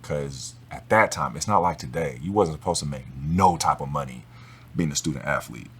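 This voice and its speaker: A man talking as a guest in a relaxed, casual conversation, slangy and swearing freely. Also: a bass voice, normal speed, husky. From Los Angeles area.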